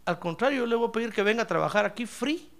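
A man's voice: very high-pitched, lively intonation, fast talker, gravelly, a bit bright. A man preaching a sermon in church, emphatic and ironic, often calling his listener brother. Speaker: pastor.

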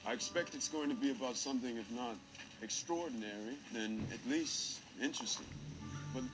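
An actor playing a plain-spoken police detective in a film, reasoning in a halting, mildly exasperated way. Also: male voice, medium pitch, natural voice. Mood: skeptical. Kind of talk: film drama dialogue. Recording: muffled film playback, music behind.

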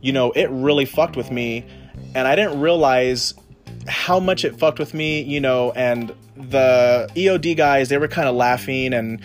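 A man's voice: medium pitch, a little slow, soft background music. A man, a military veteran, telling a personal story in a casual way, with lots of "you know" and swearing. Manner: casual, heavy use of "you know" and profanity.

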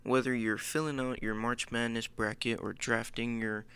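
A man's voice: mid-range voice, flat delivery, normal speed, a bit bright, clear, resonant tone. A man co-hosting a podcast in upbeat casual chat. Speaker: podcast co-host.

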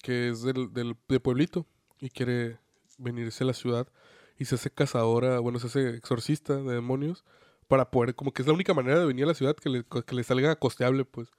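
A man's voice: mid-range voice, fairly even intonation, brisk, a little mellow, no echo, clean studio sound. A man from Sonora with a Sonoran Mexican accent, co-hosting a casual, slangy chat about anime and laughing often. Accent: Sonoran Mexican Spanish. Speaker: podcast co-host.

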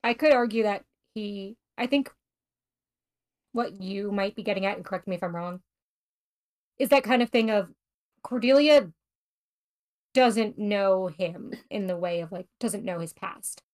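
A woman's voice: medium pitch, a little slow, pauses often, darkish tone. A woman co-hosting a casual book podcast, thinking aloud in hedged, restarting sentences. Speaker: podcast co-host.

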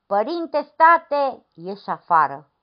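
Storybook figure: a woman doing a bold, cheerful young farmhand. Cheeky, lively, high-pitched. Dull lo-fi recording.

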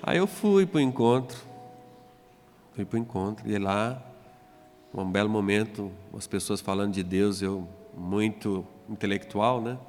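A man's voice: fairly low pitch, measured pace. A man, a pastor telling his conversion story in a sermon and acting out the dialogue. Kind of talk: testimony sermon. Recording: reverberant hall with soft music.

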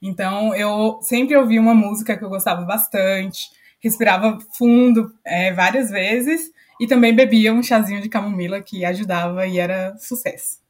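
Brief: young Brazilian woman trainee, chatty storyteller, mid-pitched everyday voice. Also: fairly even intonation, normal speed, few pauses. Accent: Brazilian Portuguese. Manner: chatty, recounting personal experience. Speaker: company trainee, interviewee. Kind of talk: casual interview answers.

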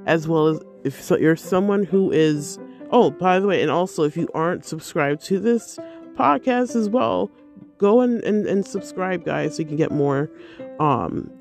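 A bubbly, effusive woman hosts her own life-coaching podcast in a casual, rambling monologue full of fillers. She sounds a little tired. Faint music plays quietly behind her. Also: low voice. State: tired, yawning.

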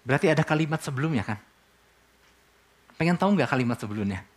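Pastor preaching conversationally. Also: male voice, a little high, animated, fast talker. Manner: conversational preaching, asks the congregation questions and answers them. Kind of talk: sermon.

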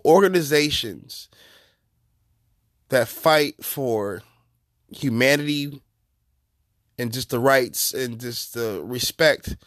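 A man hosting a podcast, giving profane, mocking comedic commentary in an animated way. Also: mid-range voice, takes it slowly, pauses often, no echo, studio quality. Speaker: podcast host.

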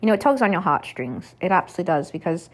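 A woman with a slightly low voice talks casually about poetry on her podcast. Her talk rambles, and she leans on fillers like "you know" and "um" as she thinks aloud. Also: big pitch swings, very fast. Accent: unplanned put-on accent when reading poetry. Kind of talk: casual poetry reading and discussion.

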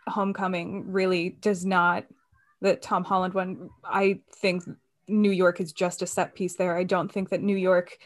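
A woman in casual conversation about a film, chatty and loose, with many fillers and restarts. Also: medium pitch.

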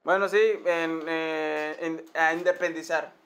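A man's voice: on the high side, level tone, takes it slowly, fairly bright tone. A man in casual banter with friends, often mocking himself. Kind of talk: casual chat.

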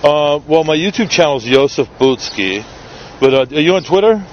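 Chatting with strangers in a city park and recapping on video, this New York-accented street creator has a voice on the high side with lively intonation at normal speed. He's loose and chatty, full of fillers and rambling. The lo-fi recording sounds dull, with a little hiss or hum.

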